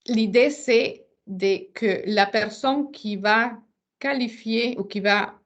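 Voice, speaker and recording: Here a non-native woman presents a French webinar in a casual way, speaking with a foreign accent, groping for words and frequently saying them twice. Her voice is mid-range, and the recording loses its high frequencies.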